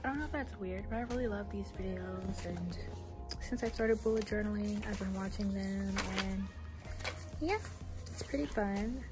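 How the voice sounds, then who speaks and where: A young woman who attends community college vlogs a casual day-in-my-life, holding her phone camera at arm's length as she goes from the campus library to home. Her mid-range voice moves at a normal speed over music, and she's chatty, a little self-conscious, and says "like" a lot.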